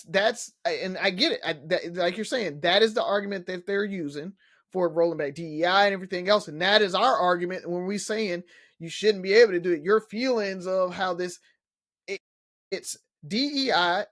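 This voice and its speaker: A man's voice: high-pitched, normal speed, fairly bright tone. A man co-hosting a podcast, earnestly arguing a point and restarting phrases as he builds it. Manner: earnest, argumentative, repeats himself as he builds a point. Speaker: podcast co-host. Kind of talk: casual chat.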